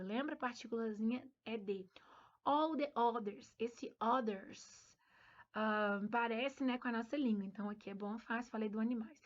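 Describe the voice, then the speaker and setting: A woman from Brazil teaching English to parents in a homeschool lesson, patient and explanatory, repeating words slowly and checking understanding. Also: a little high, muffled recording.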